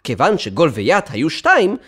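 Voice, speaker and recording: A man narrating a children's story in an expressive, storytelling manner. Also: fairly high pitch, husky. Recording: music playing under the voice.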